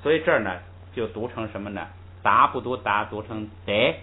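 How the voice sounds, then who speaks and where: A man's voice: on the low side, moderate pace. A man teaching a language class, patiently explaining step by step and drilling pronunciation aloud. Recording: tinny lo-fi recording with faint hiss.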